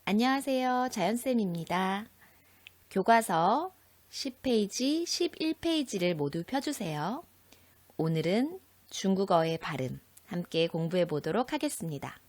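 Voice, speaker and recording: Woman teacher explaining a lesson slowly to students, close dry mic, no room echo. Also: medium pitch, sing-song, a little mellow. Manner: slow, clear classroom explaining with questions to students. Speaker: high school Chinese teacher. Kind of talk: recorded textbook lesson.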